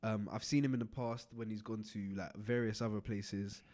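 A man's voice: fairly low pitch, fairly even intonation, moderate pace, darkish tone. Laid-back man hiccuping. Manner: laid-back, explains at length. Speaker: podcast co-host. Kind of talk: casual chat.

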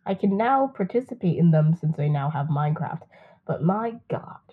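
A young woman who does voice acting, chatting casually with quick, quippy remarks. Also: low-pitched, animated, husky. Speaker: voice actor. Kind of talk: casual group chat. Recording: phone-like call audio.

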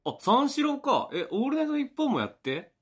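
Young male co-host with a quick, teasing delivery and a lively pitch. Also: husky. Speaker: podcast co-host. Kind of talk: casual chat.

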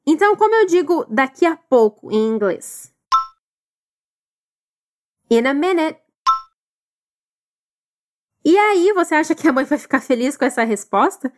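A woman teaching English, encouraging listeners and drilling phrases slowly for them to repeat. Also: sits high, sing-song. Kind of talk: recorded language lesson.

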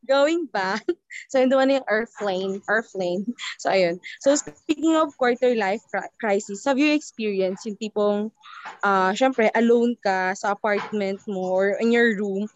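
A woman's voice: medium pitch, a little slow, muffled recording, a little hiss or hum. A woman in her twenties, a podcast guest, chatting casually and switching freely between English and Tagalog. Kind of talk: casual chat.

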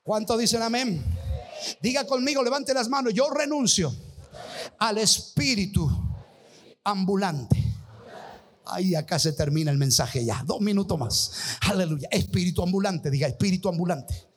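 A man with a Rioplatense accent, preaching a sermon as pastor with emphatic call-and-response and some shouted phrases. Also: high voice, moderate pace, long pauses. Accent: Rioplatense Spanish.

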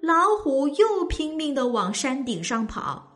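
A woman's voice: sits high, very animated, measured pace, fairly bright tone, faint music behind. A woman narrating a children's story expressively, speaking directly to young listeners.

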